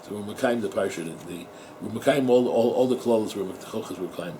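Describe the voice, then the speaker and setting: Rabbi in middle age, relaxed warm tone, chatty talk to students with Hebrew terms mixed in. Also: male voice, fairly low pitch, quick pace, slight background noise, rough recording. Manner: conversational, repeats words, asks the listeners rhetorical questions; mixes Hebrew and Yiddish terms into English. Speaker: rabbi teaching at a yeshiva. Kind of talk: informal Torah talk to students.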